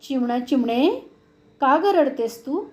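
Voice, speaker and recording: A woman's voice: high-pitched, lively intonation, slow. A woman voicing a kind, generous rooster in a storybook tale, who speaks in a reassuring way. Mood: kindly. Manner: warm-hearted, reassuring. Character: kind big-brother rooster, generous and caring.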